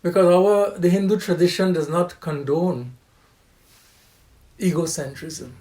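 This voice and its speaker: An older male professor gives a lecture on scripture at an unhurried, measured pace. His voice sits a little high for a man, and he repeats key phrases, chants verses and poses rhetorical questions to his listeners. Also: fairly even intonation. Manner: occasional soft laughs, asks rhetorical questions.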